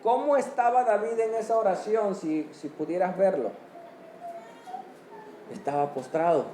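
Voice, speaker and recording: A man's voice: sits high, a little slow, mellow, a little hiss or hum. A man preaching a sermon, quizzing the congregation and answering each point with amen. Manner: asks the congregation questions, punctuates with amen. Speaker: pastor. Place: church hall. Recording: echoey church hall.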